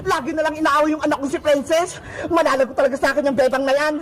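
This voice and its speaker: A performer voicing a hot-tempered, protective mother of a young girl in a cartoon skit, scolding loudly. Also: steady tone, rapid-fire, lightly acted. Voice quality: very high-pitched, squeaky. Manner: shouting and scolding. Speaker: neighborhood mother.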